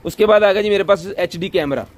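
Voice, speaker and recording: High-pitched man in overeager sales pitch. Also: fast. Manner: overeager teleshopping-style pitch, insistent and repetitive. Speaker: live-stream seller of assorted goods. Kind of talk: live sales pitch, repeating prices.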